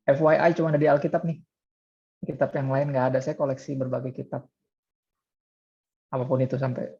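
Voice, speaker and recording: Pastor guy giving a chatty sermon, gravelly low-key voice, kinda dull lo-fi recording. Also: warm tone. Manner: conversational preaching with frequent rhetorical questions.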